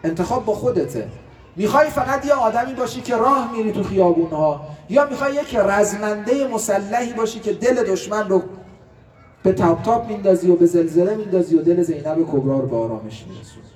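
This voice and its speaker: High-voiced impassioned preacher, echoey hall. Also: male voice, expressive. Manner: impassioned rhetorical preaching, swinging between loud and quiet. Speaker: cleric preacher. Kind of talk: religious sermon to a gathering. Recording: echoey room, distant mic, faint hiss.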